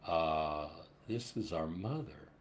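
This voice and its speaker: Man, 60s, low-pitched; earnest, meandering spiritual vlogger with casual swearing. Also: animated, takes it slowly, a little hiss or hum. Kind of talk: rambling spiritual monologue.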